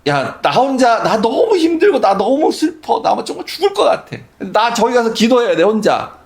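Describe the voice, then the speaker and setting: A pastor voicing Jesus in deep sorrow, pleading with his disciples to stay and pray with him. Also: sing-song, moderate pace, exaggerated voice. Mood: pleading anguish.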